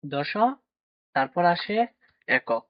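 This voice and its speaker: Teaching maths to children at a board, a man with a higher-pitched voice swings widely in pitch and draws out his words. He keeps asking questions, supplying the answers himself, and checking in frequently. There's no echo; the lo-fi audio is dry and dull.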